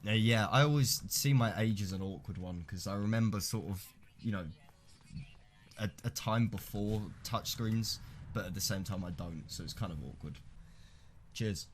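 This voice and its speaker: A man's voice: fairly low pitch, normal speed. A nineteen-year-old British man live-streaming a game, chatting casually in a matey, rambling, sweary way.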